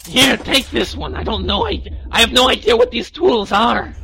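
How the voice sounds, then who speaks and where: Igor, a creaky squeaky hunchbacked assistant. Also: male voice, sing-song, normal speed, pushed and bright, slight background noise, heavily acted. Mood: flustered, servile. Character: hunchbacked male lab assistant Igor, childish, servile, goofy. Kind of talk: comic horror parody audio drama.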